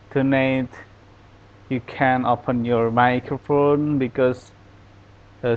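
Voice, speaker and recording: A man, teaching an online English class and giving feedback in a slow, halting way. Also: mid-range voice, highs cut off, slight background noise. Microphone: online class audio.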